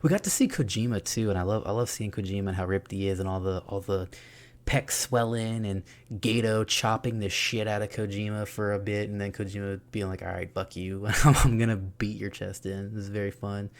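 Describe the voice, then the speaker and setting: A young man giving an excited, profane, laughing recap of a wrestling show. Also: lowish voice, fairly quick. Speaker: wrestling reviewer.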